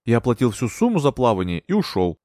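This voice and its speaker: A man voicing an indignant young gentleman. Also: mid-range voice, huge pitch swings, fast talker, no echo, clean studio sound. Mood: indignant, pleading. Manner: pleading, indignant. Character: indignant young English gentleman accused of murder.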